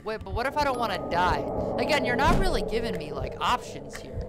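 A woman's voice: on the high side, very animated, a little fast. A woman commenting on a horror game as she plays it, joking, swearing and yelping at the scares. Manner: jokey, swearing, yelps and screams at scares. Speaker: gaming video creator. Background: game music.

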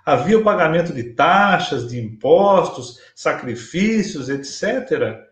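A Brazilian man in his fifties delivers a religious lecture at an unhurried, deliberate pace, his voice sitting fairly high for a man. He retells the story with measured emphasis. The sound comes through a webcam in a small, roomy-sounding home room. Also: lively intonation. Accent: Brazilian Portuguese. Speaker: spiritist lecturer. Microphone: webcam at desk distance, video call. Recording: echoey room via webcam.

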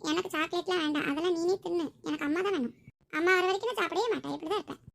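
A woman's voice: very high-pitched, very fast, vocal fry, a bit bright, exaggerated voice. A woman voicing a stubborn little boy who sulkily refuses to eat without his mother. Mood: sulky. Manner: sulky, whiny, defiant.

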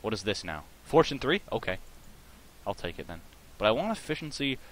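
A man giving casual, rambling gameplay commentary, full of fillers and restarts, with bursts of excitement. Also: fairly low pitch, fairly quick, slight background noise, low-quality recording. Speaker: let's play host.

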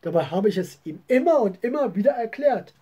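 A woman voicing a bossy young girl who scolds her little brother in a high, insistent voice. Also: big pitch swings, brisk, warm tone, husky. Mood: indignant. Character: bossy young girl, quarrelsome older sister.

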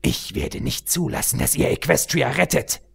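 A man voicing a domineering, menacing changeling queen with a gravelly, raspy voice, in a fan-fiction audiobook reading. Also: mid-range voice, huge pitch swings, fairly bright tone, voice pushed up, exaggerated voice. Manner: slow, sneering threats.

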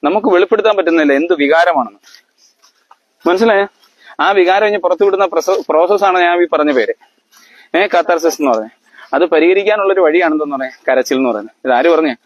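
Man quizzing his family, fairly high voice. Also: no room sound, lo-fi sound. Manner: quizzes listeners, keeps asking if they understand; halting, with fillers and restarts. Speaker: family elder explaining to family. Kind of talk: lecture-like family talk.

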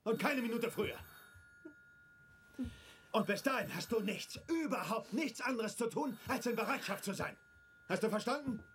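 An actor in a German film dub playing a domineering male revolutionary leader who talks down coldly and breaks into shouts. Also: high-pitched, animated, moderate pace, long pauses, a little hiss or hum. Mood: lecturing, angry. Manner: cold, commanding, bursts into shouting.

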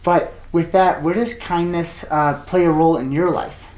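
A man's voice: fairly high pitch, steady tone, normal speed, darkish tone. A man in his thirties hosting an interview, upbeat and full of "uh"s. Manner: upbeat, many fillers. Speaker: host. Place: living room with sofa. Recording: roomy echo.

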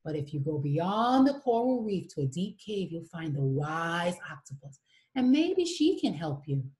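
A woman voicing a kindly starfish in a storybook reading, speaking in a gentle, calm way. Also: lowish voice, a little slow. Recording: roomy echo.

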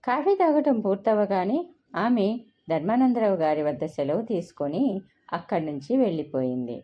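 A woman's voice: medium pitch, expressive, normal speed. Woman storyteller, dull lo-fi sound. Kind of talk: scripted story narration. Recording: dull lo-fi recording.

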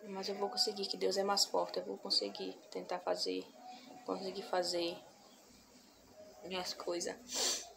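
A young adult woman talks softly to her viewers in a casual, heartfelt vlog, seated on a couch in a small room at home. Her mid-range voice has vocal fry and a completely flat delivery, and she keeps pausing to gather her thoughts and repeating herself. It's a noisy home phone recording, shot at arm's length.

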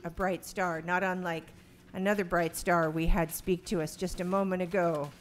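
A woman chairing a legislative hearing, speaking in a formal, appreciative and measured way. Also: fairly low pitch, steady tone, a little hiss or hum. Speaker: committee chair.

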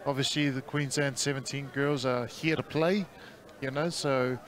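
A man, a former player, commentating live in a relaxed, hesitant way with plenty of fillers. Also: mid-range voice, moderate pace. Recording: crowd noise behind.

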